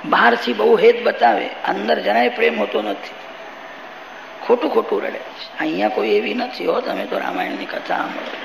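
Brief: male religious storyteller, high raspy-gravelly voice, live in an echoing hall. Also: steady tone, normal speed, noisy background. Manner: storytelling with moral asides to the audience. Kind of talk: devotional scripture storytelling sermon. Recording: live hall recording, reverberant.

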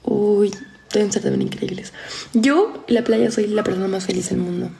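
A tired eighteen-year-old Peruvian woman chats with her viewers in a Peruvian Spanish accent. Her voice is dark and mellow, heavy with gravelly fry. She reads each question aloud, then answers in a loose, chatty way with soft asides. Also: mid-range voice, steady tone, moderate pace. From Peru. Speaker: live streamer.

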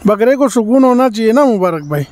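A man from Gujarat who owns a goat farm, chatting outdoors with calm, brief, agreeable replies. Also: very high voice, a little fast. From Gujarat, India. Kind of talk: casual conversation.

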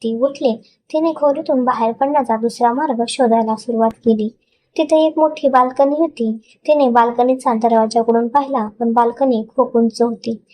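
Female storyteller, scripted narration, steady read, slightly high voice. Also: normal speed.

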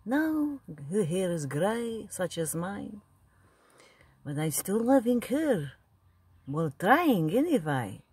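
In a comic character monologue for a comedy video, a woman voices an elderly immigrant grandfather who rambles bawdily in broken English. Her exaggerated voice is mid-range, very husky and darkish, slow with big pitch swings, with no echo.

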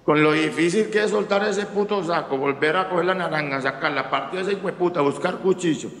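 A man's voice: a little high, fairly quick, fairly bright tone. A man voicing a fussy, lecturing Antioquian paisa man in a condescending drawl, recorded in an echoey hall. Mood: mocking. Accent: Antioquian Colombian Spanish, imitated. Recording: echoey hall, faint ambience.

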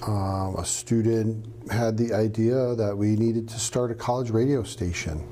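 A middle-aged man from New Hampshire, a radio professor answering interview questions in a relaxed, storytelling way with some fillers. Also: lowish voice, unhurried. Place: studio with green screen.

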